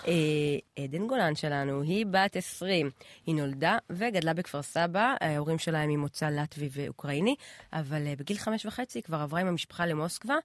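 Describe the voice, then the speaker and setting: A woman's voice: low-pitched, no echo. A woman with an Israeli accent telling background stories in a casual, conversational co-host style. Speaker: pop culture podcast co-host. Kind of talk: casual chat.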